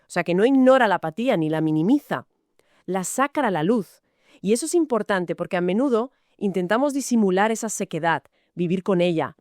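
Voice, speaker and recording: A woman's voice: medium pitch, a little mellow, dry recording, studio quality. A woman from Spain co-hosting a Bible study podcast, asking and clarifying points. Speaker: podcast co-host.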